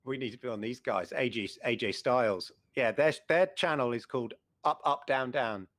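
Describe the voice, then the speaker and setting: A man's voice: mid-range voice, normal speed, fairly bright tone, dry recording. A middle-aged man co-hosting a retro gaming show, chatting with enthusiasm and rambling through restarts. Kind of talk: casual chat.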